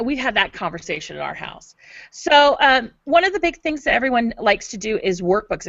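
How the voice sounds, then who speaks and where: A woman chatting casually on a homeschool panel in a relaxed, conversational way, asking questions. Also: fairly high pitch, gravelly, dry recording. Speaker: homeschooling parent, panel host. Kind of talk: casual online panel chat. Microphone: video call. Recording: dry, dull video call audio.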